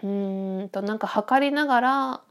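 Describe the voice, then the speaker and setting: A woman speaks at a medium pitch with a congested, nasal sound, as if her nose is blocked. She chats informally on her own like a podcast host, thinking aloud in a reflective, slightly hesitant way. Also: moderate pace. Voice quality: stuffy-nosed, nasal voice. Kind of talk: casual solo chat, thinking aloud.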